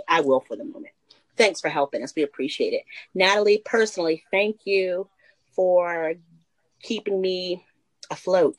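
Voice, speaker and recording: A woman's voice: on the low side, no echo, low-quality recording. A woman council member speaks on a video call, heaping thanks on the people who helped her. Her voice comes across dry and close, with no room around it. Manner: warm, effusive thanks. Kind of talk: meeting remarks.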